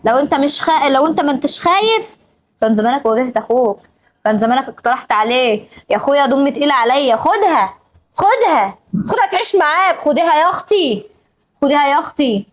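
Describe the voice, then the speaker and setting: A woman's voice: sits high, lively intonation, fast talker, poor audio. A young Egyptian woman with an Egyptian accent, acting in a family drama, scolding over and over and growing emotional. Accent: Egyptian Arabic. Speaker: regular of the show.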